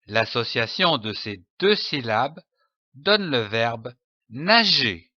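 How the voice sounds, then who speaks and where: Very slow, lively-voiced man teaching reading. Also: medium pitch, dry recording, lo-fi sound. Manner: spells out letters and sounds deliberately. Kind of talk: slow syllable-by-syllable reading lesson.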